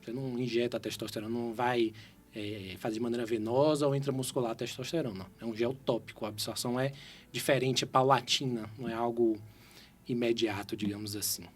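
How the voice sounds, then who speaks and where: A man speaks as a cardiologist guest in a radio interview. He explains slowly and carefully, often checking in with short tag questions and restarting his phrases. His voice sits at an ordinary middle pitch. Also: fairly even intonation. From Salvador, Brazil. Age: 30s.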